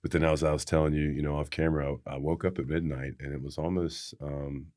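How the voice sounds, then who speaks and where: A man's voice: rumbling low, little pitch movement, fast talker, a little mellow. A man from West Virginia with an Appalachian accent, telling his own story as an interview guest in a folksy, reflective way. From West Virginia, United States. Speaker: podcast guest, former pro football player.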